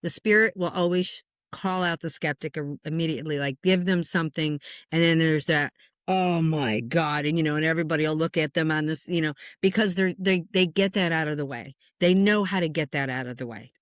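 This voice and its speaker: A middle-aged woman, a spiritual medium, answering interview questions in an animated storytelling way, acting out what people said. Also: deep voice, fairly quick, hardly any pauses, no echo, clean studio sound.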